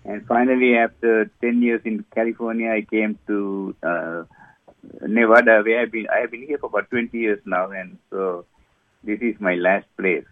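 Older male guest from Sri Lanka, halting delivery, dry tinny phone sound. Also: on the low side, steady tone, dry recording. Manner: hesitant, many fillers. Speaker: guest surgeon. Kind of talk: interview answers.

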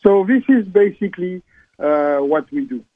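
A man with a French accent, a guest on a radio talk show, speaking haltingly with many fillers and restarts, taped off the radio. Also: sits high, lively intonation, narrow, tinny audio. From France. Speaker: guest, champagne seller.

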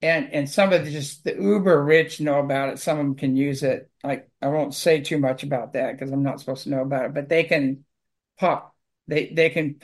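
A man speaks in a voice pitched a little above the usual for men. He chats casually and wanders from point to point in an earnest, rambling way. He talks about his work clearing houses. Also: fairly even intonation, moderate pace. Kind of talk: casual conversation.

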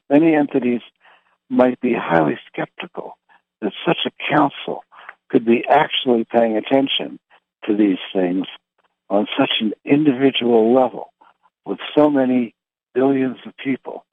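A man leading a spiritual meditation talk, reading questions and answers deliberately in short, halting phrases. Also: medium pitch, expressive, creaky. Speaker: meditation leader. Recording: roomy, thin phone-like sound.

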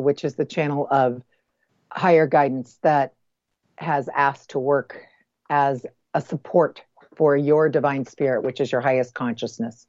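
A woman guides a meditation in a low, mellow voice, soft and close as if right in your ear. She phrases deliberately, leaving pauses between short groups of words. The sound is dry but dull and lo-fi. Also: no room sound. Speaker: guest energy healer.

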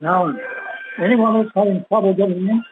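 Male caller, slightly high voice, casual chat, clearly noisy thin line. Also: steady tone, normal speed. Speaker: conference call participant. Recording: noisy narrowband phone-like line.

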